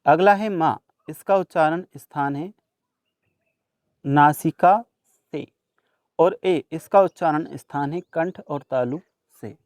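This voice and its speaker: A man's voice: a little high, takes it slowly, long pauses, darkish tone, no echo. A young man teaching a workbook lesson, patiently explaining each answer and speaking directly to students.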